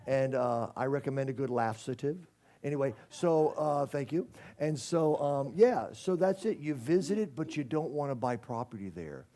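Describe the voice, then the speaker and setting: A man's voice: medium pitch, lively intonation, normal speed, mellow. A man giving a casual sermon as a spiritual community minister, folksy and conversational with plenty of jokes.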